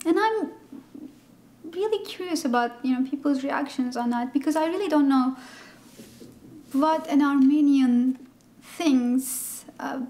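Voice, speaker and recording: A woman from Turkey recalling an experience in an interview, measured and thoughtful. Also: high-pitched, warm tone. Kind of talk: reflective interview recollection. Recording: echoey room, mic at a distance, faint background hiss.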